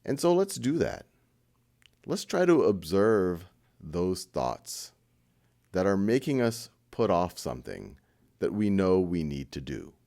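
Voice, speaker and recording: A man guides a meditation informally and conversationally, gently encouraging listeners and adding light self-deprecating humour. His low, creaky voice swings widely in pitch, and he takes it slowly.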